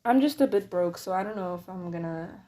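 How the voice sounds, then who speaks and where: A woman's voice: fairly low pitch, fairly quick, noisy background. A woman in her twenties chatting casually on her solo podcast, rambling along with lots of fillers while she crochets. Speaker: podcast host.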